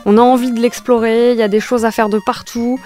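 Relaxed French woman explaining a game. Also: on the high side, fast talker, faint music behind. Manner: relaxed, hesitant with fillers, explaining. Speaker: guest gamer. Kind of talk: casual chat about video games.

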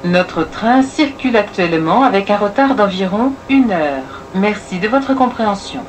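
A woman making a formal public-address announcement over a train loudspeaker, in a measured recorded-announcement manner. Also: medium pitch, expressive, slight background noise.

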